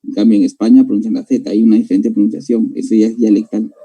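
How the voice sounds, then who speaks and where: Speaking fast in a lowish, warm, slightly rough voice with a flat delivery, this Peruvian-accented man teaches a language class. He explains material, checks in with "¿no?" tags, and speaks straight to his students, all on a rough recording.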